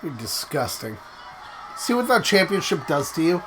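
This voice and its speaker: Teasing co-host with a lively voice. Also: mid-range voice, moderate pace. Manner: teasing, reading chat aloud. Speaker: live stream co-host. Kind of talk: casual watch-along chat. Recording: crowd noise behind. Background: crowd noise from the broadcast.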